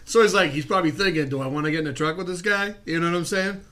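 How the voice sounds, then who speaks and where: A man's voice: a little high, very fast, a loud crowd. A man in casual chat, arguing his point insistently and filling with "you know". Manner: argumentative, leans on "you know".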